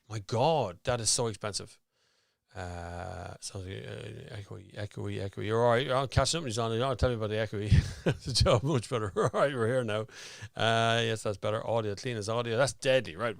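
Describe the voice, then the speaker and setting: A man's voice: mid-range voice, brisk, dry recording, studio quality. An Irish man hosting a casual live stream, rambling and chatty as he sorts out his audio on air. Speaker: host. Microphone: studio microphone with headphones.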